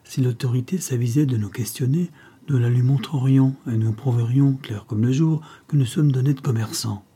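A man reading the part of a stout, bossy woman trader with a brisk way of talking. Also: medium pitch, dark tone, husky. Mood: scheming.

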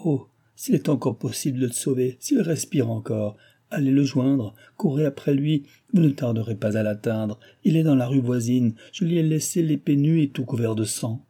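A man's voice: mid-range voice, normal speed, dark tone, natural voice. A man reading the part of a distraught young woman who pleads in frantic outcries, in an audiobook.

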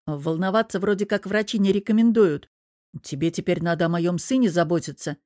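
A woman's voice: fairly low pitch, a little fast, a little mellow, no echo, clean studio sound, lightly acted. A woman voicing a confident, teasing young husband in an audiobook, with an easygoing manner. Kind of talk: audiobook character voice.

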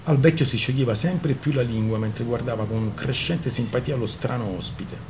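A man reading a novel aloud for a radio show in a measured, even storytelling manner. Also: medium pitch, noisy background. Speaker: narrator, radio reader.

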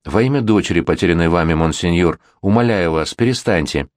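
A man's voice: low voice, brisk, dry recording, studio quality, close to an everyday voice. A man voicing a virtuous young bride-to-be who pleads with a prince. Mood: pleading.

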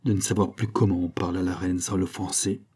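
A man's voice: medium pitch, normal speed, mellow, breathy edge, close to an everyday voice. A man voicing a grave, loyal nobleman. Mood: restrained. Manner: earnest, solemn pleading. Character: loyal, grave nobleman, bold but respectful.

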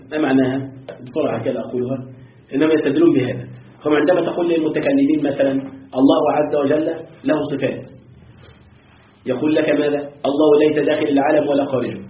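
A man's voice: on the high side, slight background noise. A man teaching a religious lesson, chanting verses and asking his students rhetorical questions. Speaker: sheikh teaching Quran commentary. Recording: echoey, distant, phone-like lo-fi.

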